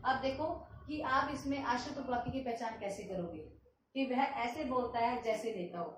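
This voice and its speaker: A woman's voice: a little high, slight background noise. Hindi grammar teacher, woman, echoey room. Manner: explains step by step, repeats examples, asks and answers own questions. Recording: echoey room, distant mic.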